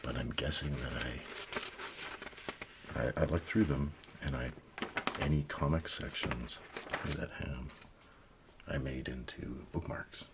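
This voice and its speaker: A middle-aged man doing soft-spoken ASMR, musing aloud in a near whisper with pauses, over crinkling paper. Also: a bass voice. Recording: steady noise, paper crinkling and clicks. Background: newspaper crinkling and page turning.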